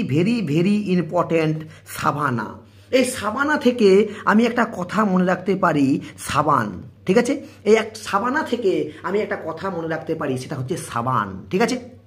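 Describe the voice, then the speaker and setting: Male online tutor, animated sing-song delivery, quizzing viewers again and again. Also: high-pitched. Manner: drills with repeated questions and answers. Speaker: quiz teacher. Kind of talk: YouTube general-knowledge lesson.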